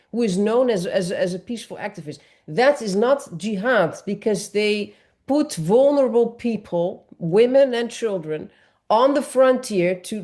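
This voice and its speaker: A woman's voice: mid-range voice, darkish tone. A woman from Morocco, speaking earnestly on a panel discussion and explaining at length with frequent restarts.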